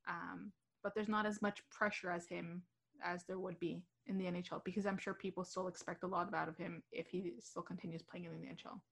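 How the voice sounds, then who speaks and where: A young woman co-hosting a hockey radio show, chatting casually with many fillers and quick laughs. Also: on the low side, flat delivery, gravelly, fairly bright tone, breathy edge. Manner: chatty, giggly, with fillers and restarts. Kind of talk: casual sports chat.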